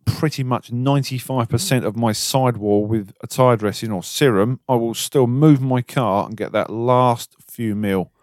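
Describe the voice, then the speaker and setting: A man's voice: medium pitch, moderate pace, hardly any pauses, a little mellow, dry recording, clean studio sound. A middle-aged man co-hosting a podcast, chatting casually with teasing banter and little anecdotes. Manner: bantering, anecdotal, informal British slang. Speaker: podcast co-host. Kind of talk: casual chat about car detailing.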